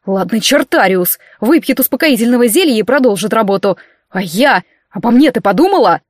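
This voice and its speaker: Brief: woman reader doing a gruff male minister, growling and mocking, close dry audiobook sound. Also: fairly high pitch, animated, brisk, no echo. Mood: angry. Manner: growling, teasing.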